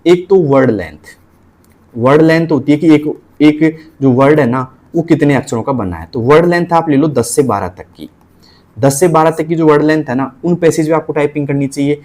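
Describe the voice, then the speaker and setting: Male tutor, Rajasthani Hindi accent, casual teaching delivery, slightly higher voice, spells letters out slowly. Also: a little mellow. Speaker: typing tutor.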